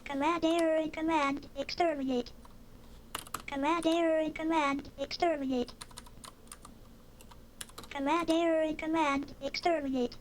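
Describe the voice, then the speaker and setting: A speech synthesizer with a clangy robotic voice, repeating the same command in a flat, mechanical way. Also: high voice, measured pace, pauses often, slight background noise.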